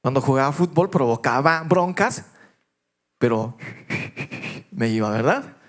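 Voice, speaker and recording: A man, preaching a sermon and telling personal stories, often dropping to a hush and then rising again. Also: medium pitch, animated, unhurried. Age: 50s. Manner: personal confessional storytelling, shifting between hushed and raised voice. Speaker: pastor.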